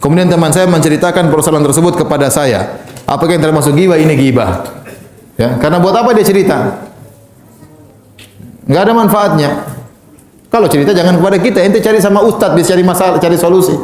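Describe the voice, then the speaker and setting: A man preaching in a religious question-and-answer lecture, moving between soft and emphatic delivery and chuckling now and then. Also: a little high, fast talker, long pauses, reverberant. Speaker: Islamic preacher.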